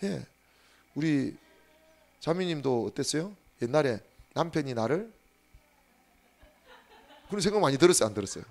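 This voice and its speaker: Man, pastor, sermon, slightly higher voice, very lively pitch, hushed to loud. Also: normal speed, long pauses. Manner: animated preaching, swings from hushed asides to loud emphatic calls; speaks to the congregation directly and has them repeat after him.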